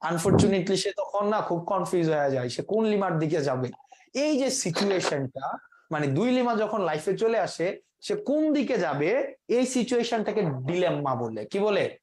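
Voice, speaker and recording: A man's voice: sits high, very animated, moderate pace, background noise. A man leads a classroom vocabulary lesson. He explains each word step by step, stopping to quiz the students. He drops English terms into his sentences as he teaches. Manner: asks the class quiz questions, mixes in English words.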